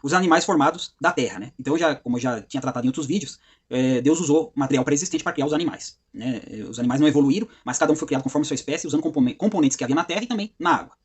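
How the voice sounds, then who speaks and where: A man explains scripture in a quick, chatty teaching style, tossing in tag questions as he goes. His voice is husky and sits a little high for a man. He slows noticeably whenever he reads verses aloud. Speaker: Bible teacher. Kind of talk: informal Bible study video.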